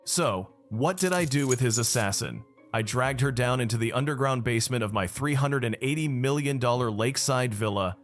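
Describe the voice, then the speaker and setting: A man's voice: medium pitch, a bit bright. Male narrator recapping a dramatic story. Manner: dramatic first-person storytelling.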